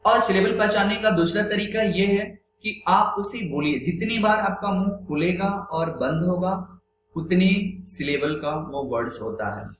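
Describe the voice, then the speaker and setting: A man teaches an English grammar lesson, reading words one by one and explaining them in Hindi mixed with English phrases. His voice sits a touch high and he speaks very slowly and deliberately. The room rings with echo over a faint hum. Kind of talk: classroom-style grammar lesson.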